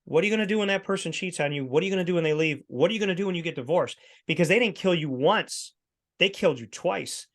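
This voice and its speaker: A man's voice: high-pitched, lively intonation, fast, fairly bright tone. A man in his thirties co-hosting a podcast, talking in an emphatic, preachy storytelling way. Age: 30s. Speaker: podcast co-host. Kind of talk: casual chat.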